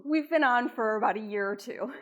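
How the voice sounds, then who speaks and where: A woman's voice: a little high, fairly quick, slight background noise, lightly acted. A woman playing a dramatic, sardonic horror show co-host with a snippy manner in a campy comedy skit. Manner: theatrical, snippy.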